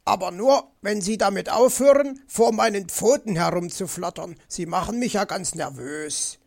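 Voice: mid-range voice, moderate pace, creaky. A storybook narrator voicing Mr. Fox, a fussy, bossy male fox who grumbles and lectures.

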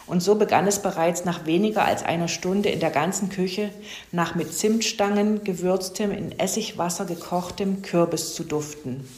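Woman storyteller, lower voice, roomy echo, calm children's story read. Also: moderate pace.

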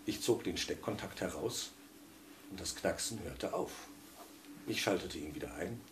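A man reading a humorous story aloud in a wry, lively way. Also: sits low, normal speed, background noise. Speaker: narrator.

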